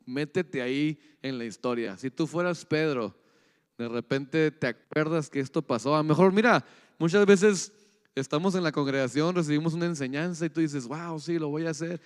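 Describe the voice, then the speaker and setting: A man's voice: a little high, smooth. A pastor delivering a conversational sermon, often asking his congregation questions. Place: church hall. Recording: echoey church hall.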